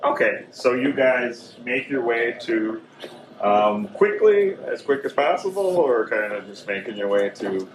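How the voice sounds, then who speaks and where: A man's voice: mid-range voice, very animated, measured pace. A man acting as game master, describing scenes in a loose, meandering way while narrating a tabletop horror game. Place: convention gaming room. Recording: echoey, distant, noisy convention room.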